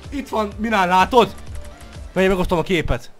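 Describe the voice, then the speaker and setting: A young man shouting and swearing with joy in an excited reaction to opening packs. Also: sits high, faint music behind. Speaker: gaming video creator.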